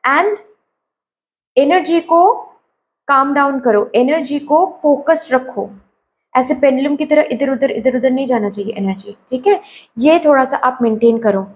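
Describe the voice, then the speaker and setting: High-voiced woman with a sore throat. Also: a little slow. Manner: advising, mixes English phrases, keeps asking "okay?". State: sore throat, slightly hoarse. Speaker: tarot card reader. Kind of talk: tarot reading addressed to viewers.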